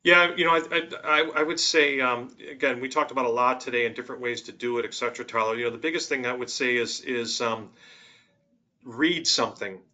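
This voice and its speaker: A man's voice: mid-range voice, fairly even intonation, fairly quick, bright, forceful tone, highs cut off. A man explaining money principles on a webinar, walking through worked examples with emphasis. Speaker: financial executive guest.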